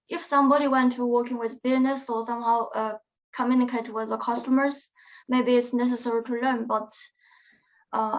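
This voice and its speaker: Over muffled, lo-fi webinar audio, a young alumna guest who isn't a native English speaker responds to interview questions haltingly, with hesitations and restarts. Her voice is a little high.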